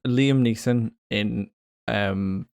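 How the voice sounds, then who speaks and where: Low-voiced man in playful podcast chat. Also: drawn-out words, gravelly, darkish tone, clean tone, dry recording, studio quality. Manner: playful, guessing aloud with hesitations. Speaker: podcast co-host. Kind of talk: casual chat.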